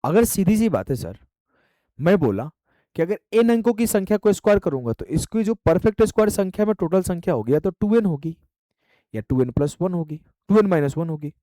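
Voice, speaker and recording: A man's voice: high-pitched, very animated, brisk, dark tone, no echo. A man teaching math in an online exam-prep lecture. He speaks straight to his students, asks them questions, and voices their answers back.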